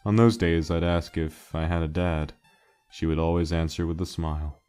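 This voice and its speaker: Faint music accompanies a man playing a skeleton monster in a dramatic comic dub, his voice low, weary, warm, smooth, and steady yet natural. Halting and subdued, this guilt-laden joker recounts his story in a wistful, reflective mood.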